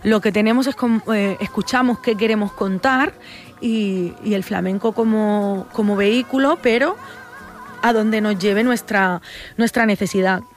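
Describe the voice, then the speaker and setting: With faint music behind her, a young woman from Barcelona, Spain, a flamenco singer, answers interview questions in a mid-range, somewhat slow voice with a Spanish accent. She's thoughtful and hesitant, filling her answers with fillers and restarts.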